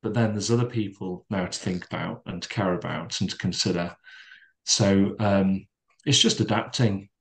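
A middle-aged man, a podcast guest, reflecting calmly in conversation with frequent fillers and restarts. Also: deep voice, gravelly. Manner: calm, measured, with many restarts and fillers.

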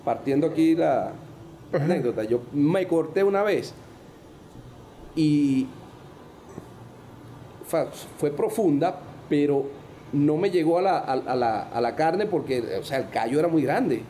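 A man's voice: on the high side, measured pace, long pauses, slight background noise. A man with a Venezuelan accent, a former ballplayer and podcast guest, telling anecdotes casually and jumping into other people's voices as he goes. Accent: Venezuelan Spanish. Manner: animated, acts out the people in his stories with a raised voice. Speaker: former baseball player, guest. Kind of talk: casual storytelling.

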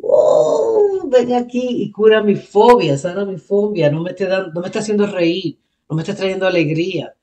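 A woman's voice: mid-range voice, a little fast, warm tone. A woman hosting a reaction video, switching between Spanish and English as she explains lyrics and thinks aloud. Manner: thinks aloud, restarts and self-corrects. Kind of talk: casual reaction commentary.

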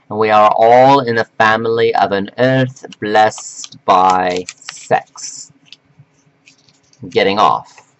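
Male self-styled coach, slow preachy scolding monologue to camera. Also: fairly bright tone, poor audio. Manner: slow, preachy and scolding, with sudden pitch jumps; reads from notes. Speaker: self-styled life coach addressing men.

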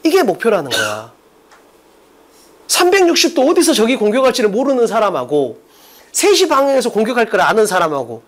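Male lecturer, energetic lecture, rhetorical questions, blunt casual speech, swooping pitch. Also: fairly quick. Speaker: English exam lecturer.

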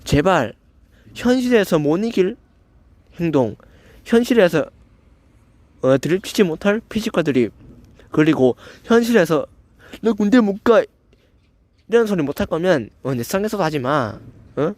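A young adult channel host with a high-ish, very animated voice rants angrily at a commenter, stammering and slurring his words slightly. Speaking at normal speed with long pauses, a little mellow and with no room sound, he's confrontational, swears, and keeps using the filler "eo".

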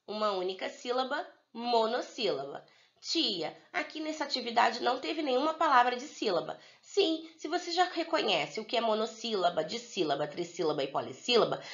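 A Brazilian woman teaching young pupils in a recorded video lesson, slowly spelling out words for the children. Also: on the high side, fairly bright tone, muffled recording. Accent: Brazilian Portuguese. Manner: slow, drawn-out word-by-word dictation for young pupils. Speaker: primary school teacher.

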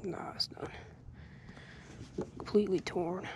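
A man's voice: high-pitched, steady tone, takes it slowly. A young man talking to himself as he fishes from a kayak on a lake, often in half-whispered asides, recorded on a head-mounted action camera outdoors. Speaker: angler vlogging from a kayak. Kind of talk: casual fishing commentary. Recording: outdoor action-camera audio with loud background noise.

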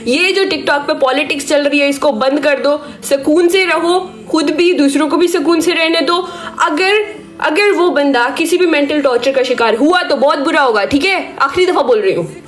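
A woman speaks in a high voice made rough and hoarse by a sore throat. She scolds her live-stream viewers in a stern warning rant and presses each point with a challenging "okay?". Faint music plays softly behind her. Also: moderate pace. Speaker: social media creator on a live stream.

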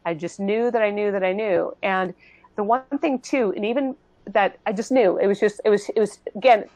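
Woman, earnest testimony, mid pitch, halting restarts, dry close sound. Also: a little mellow, dry recording, poor audio. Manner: earnest, halting, many restarts, acts out others' voices. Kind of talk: emotional personal testimony in a panel talk.

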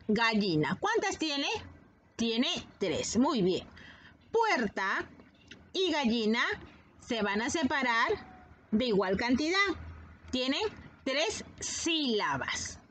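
Teacher, woman: slow, lively pitch, sounds out syllables for little kids, faint hiss behind. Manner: sounds out each syllable, warm and encouraging. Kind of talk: slow, exaggerated lesson for young children.

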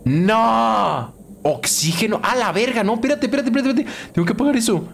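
Excitable Mexican gaming streamer, shrieking. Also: male voice, extremely high pitch, racing, slight background noise. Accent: Mexican Spanish. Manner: excitable, swears a lot, shrieks when scared. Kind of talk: let's play commentary.

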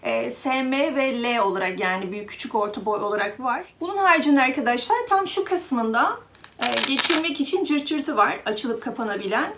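A woman's voice: a little high, lively intonation, fairly quick, fairly bright tone, a little hiss or hum. A woman vlogger chatting casually to her viewers as she shows a pet grooming glove and talks to her cat. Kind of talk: casual product demo to viewers.

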